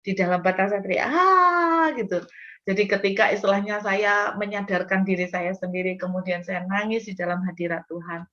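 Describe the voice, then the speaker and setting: A woman preaching a sermon, speaking earnestly and straight to her congregation, with loud emphatic words and softer asides. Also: mid-range voice, little pitch movement, brisk, highs cut off.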